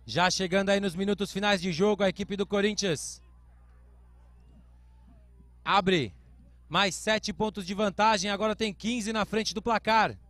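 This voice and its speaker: Brazilian male sports commentator, high voice, clipped explanatory announcer phrasing, dry recording, live American football coverage. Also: steady tone, a little slow, pauses often, a bit bright, no room sound.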